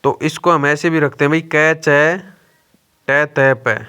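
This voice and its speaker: A young man teaching an exam-prep grammar lesson, slowly drilling letters one by one, asking questions and answering them himself, often calling his listeners brother. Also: a little high, flat delivery, sharp tone, clean tone. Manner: addresses listeners as brother (bhai).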